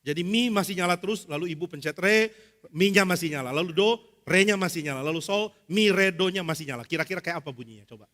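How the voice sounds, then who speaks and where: A man's voice: sits high, quick pace, fairly bright tone. A male pastor giving a playful, conversational sermon in a church sanctuary, acting out little scenes and singing notes as he goes. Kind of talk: lively sermon with illustrations. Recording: reverberant church hall, faint music.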